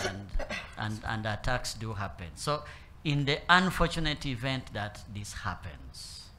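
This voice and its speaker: A man speaking on a conference panel about boardroom risk, in a measured way, often repeating words and pausing with fillers. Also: lowish voice, bright, forceful tone, a little hiss or hum. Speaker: panel speaker on corporate governance. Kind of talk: spoken panel talk. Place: conference room with live and online audience.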